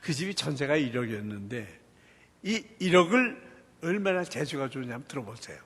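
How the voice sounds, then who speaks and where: A man, a church deacon, giving a lively testimony in a church setting and acting out the dialogue as he tells the story. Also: mid-range voice, brisk, slightly rough, big-room sound.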